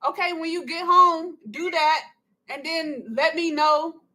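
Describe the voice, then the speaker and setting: A woman's voice: very high-pitched, fairly even intonation, measured pace, bright, forceful tone. An upset, anxious woman, a mother on a phone call, pleading insistently and repeating herself. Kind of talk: emotional phone conversation.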